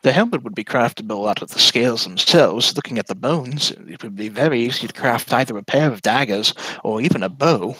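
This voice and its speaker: A composed elf craftswoman, played by a man in his own voice, formal and measured, with a husky, bright tone. The sound is close and dry. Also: mid-range voice, expressive, dry recording, low-quality recording. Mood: businesslike.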